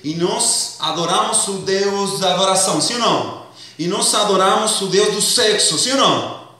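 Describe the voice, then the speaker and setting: A man's voice: high-pitched, lively intonation, moderate pace, pushed and bright. A man preaching a sermon in church in a casual, slangy way, quizzing the congregation and acting out comic scenes. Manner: acts out comic skits. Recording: echoey church hall, distant mic.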